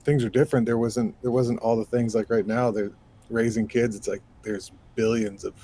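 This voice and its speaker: At a normal speed, a New York State man in his thirties, a musician, rambles animatedly through a casual interview, leaning heavily on filler words. His voice is low and raspy.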